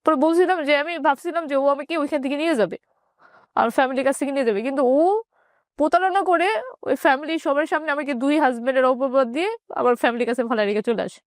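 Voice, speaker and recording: In an interview, a woman with a Bangladeshi accent tells her personal story haltingly, repeating phrases. Her voice is high, and the clean studio recording has no echo.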